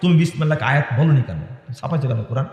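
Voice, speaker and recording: A middle-aged man preaching a sermon, scolding his listeners with rhetorical questions and rising to shouts. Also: medium pitch, rapid-fire, muffled recording. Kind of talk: Bengali waz sermon. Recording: echoey hall with long reverb.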